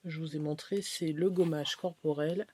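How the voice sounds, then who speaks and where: A woman's voice: low-pitched, steady tone, moderate pace, noisy background. Chatty woman beauty vlogger. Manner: chatty, rambling, many hesitations. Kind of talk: casual haul video.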